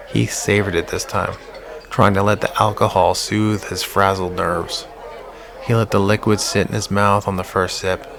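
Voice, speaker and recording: A man narrating a psychological horror audiobook in a measured, slow-burn way. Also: on the low side, creaky, a bit bright.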